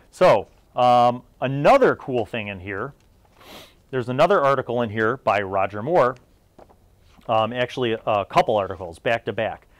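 In a lowish voice with no echo, a middle-aged man gives his unscripted, opinionated review of a tabletop game, wandering conversationally as he goes.

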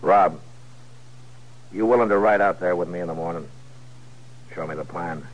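Marshal Matt Dillon, deep terse American lawman. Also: moderate pace. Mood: firm, measured. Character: steady, skeptical male frontier town marshal. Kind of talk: 1950s radio western acting. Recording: muffled, noisy 1950s radio recording.

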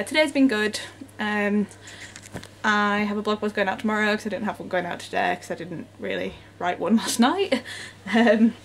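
Young woman, chatty and giggly, home vlog on a handheld camera, quiet room tone behind her. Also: medium pitch, a little hiss or hum. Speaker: vlogger. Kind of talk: casual vlog chat. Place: at home indoors.

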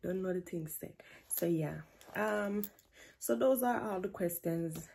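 A twenty-something Jamaican woman talks in an unhurried, fairly low voice with vocal fry and a breathy edge. Filming a casual Q&A vlog in her bedroom with the camera close, she stays relaxed and playful, her Jamaican accent drifting into patois.

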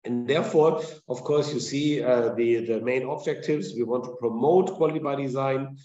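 A man chairing an online seminar, introducing speakers in a halting way full of hesitations, heard over a video call. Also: medium pitch, warm tone. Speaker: webinar chair and moderator. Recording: roomy, dull lo-fi call audio.

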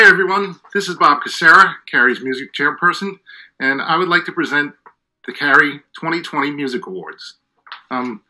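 A man's voice: fairly high pitch, sharp tone, rough recording. A middle-aged man, a music department chair, formally presenting student awards. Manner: formal, reading announcements.

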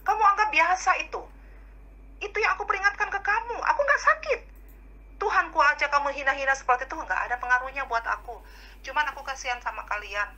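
A woman's voice: high-pitched, pushed and bright, rough recording. A woman scolding the other side in a heated online voice-chat debate, in a lecturing tone.

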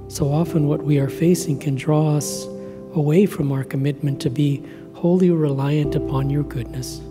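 A man in his fifties, a pastor, leading prayer and a benediction in a slow, solemn, measured way from the pulpit of a church sanctuary. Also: fairly high pitch. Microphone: pulpit microphone. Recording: hall reverb with organ music.

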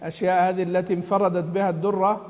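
A man teaching Quran recitation in a lesson. He quizzes his students and then answers himself, and he chants the quoted verses slowly. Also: high-pitched, flat delivery, a little mellow. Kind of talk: classroom lesson. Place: study hall of a mosque. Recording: long hall reverb.

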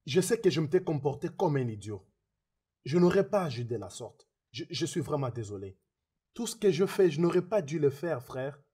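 A man's voice: fairly high pitch, sing-song, moderate pace, mellow, slightly rough. A remorseful, pleading man. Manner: pleading, repeating himself. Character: remorseful man begging forgiveness. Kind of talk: French film dub.

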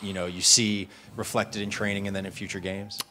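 A man with a very low voice poses a question at a press conference. He winds through a long, halting question, backing up and restarting as he goes. He sounds like a reporter at an ordinary press session. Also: flat delivery, pushed and bright, slight background noise.

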